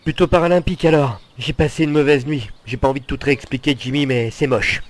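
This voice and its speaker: A man's voice: medium pitch, fast talker, close to an everyday voice. An actor playing a confused teenager stuck in a grown man's life, baffled and exasperated.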